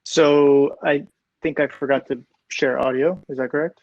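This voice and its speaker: A man's voice: a little high, steady tone, normal speed, darkish tone, no room sound. Hesitant male panel moderator, dull call audio. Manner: hesitant, repeats words. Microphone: video call.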